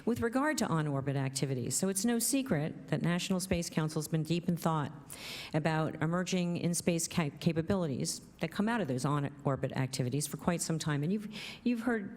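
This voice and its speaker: Low-voiced woman giving conference remarks. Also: expressive, a little fast, a little mellow. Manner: lecturing, with restarts. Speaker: government policy official, speaker.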